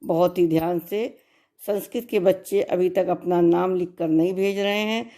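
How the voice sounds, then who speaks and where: A woman's voice: on the low side, steady tone, moderate pace, mellow. A woman teacher giving a recorded class lesson, patiently dictating answers and repeating key points for students to copy.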